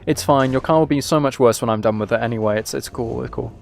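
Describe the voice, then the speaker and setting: Speaking quickly in a gravelly, mid-range voice, this man offers laid-back commentary on the game he's livestreaming. His remarks come with a dry, wry edge.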